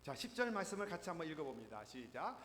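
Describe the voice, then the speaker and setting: A man preaching a sermon as pastor, telling jokes with lively storytelling and acting them out. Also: fairly high pitch, fast talker. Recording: echoey hall, faint noise.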